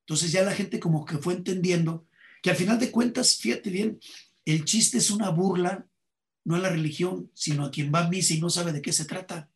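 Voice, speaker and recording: A man's voice: sits high, moderate pace. A man with a Mexican accent, a comedian telling anecdotes in an interview and acting out the dialogue. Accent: Mexican Spanish. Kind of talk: interview conversation, storytelling.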